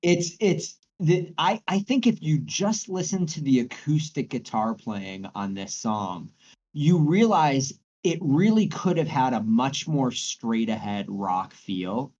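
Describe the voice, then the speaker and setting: A man's voice: medium pitch, very animated, slow, darkish tone, highs cut off. A man co-hosting a podcast, chatting casually about music with frequent restarts and repeated words. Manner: hesitant, repeats words while thinking. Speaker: podcast co-host.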